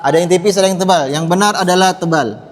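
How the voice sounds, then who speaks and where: A high-voiced man speaks quickly in a very noisy recording with long hall reverb. He is teaching children Quran pronunciation, patiently drilling sounds and having the class repeat after him.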